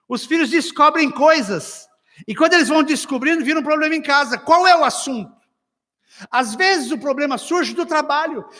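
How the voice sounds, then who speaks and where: A man with a high voice preaches a lively sermon and acts out household quarrels with humor. The long reverb of the church hall carries every phrase out into the room.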